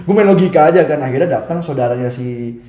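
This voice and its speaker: A young man telling a story in casual chat, animated and acting out what others said, with frequent restarts. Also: on the high side, fast. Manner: animated, acts out quoted voices, frequent restarts. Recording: echoey room.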